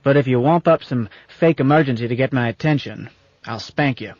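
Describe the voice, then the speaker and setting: A man reading an audiobook voices a gruff, bossy old captain who speaks in a folksy but fond way. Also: mid-range voice, a little fast, a little mellow, no room sound, natural voice. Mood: stern, folksy. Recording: dull lo-fi audiobook recording.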